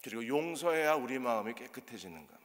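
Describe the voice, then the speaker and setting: A male pastor preaching a sermon to his congregation, animated and throwing rhetorical questions to them. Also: mid-range voice, quick pace. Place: church sanctuary. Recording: long church reverb.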